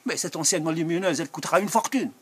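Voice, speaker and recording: A man voicing an old immigrant mother who gently reproaches her son, soft and pleading. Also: a little high, quick pace, slightly rough. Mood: reproachful.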